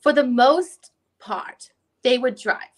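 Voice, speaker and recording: A high-pitched woman takes the role of a lawyer for a dramatic deposition reading, questioning in a formal, deliberate, probing manner with methodical precision.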